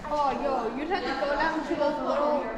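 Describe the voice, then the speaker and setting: High female voice, slangy, noisy group. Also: fairly even intonation, normal speed, dull audio. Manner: slangy, playful. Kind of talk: casual chat. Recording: loud tour group chatter around.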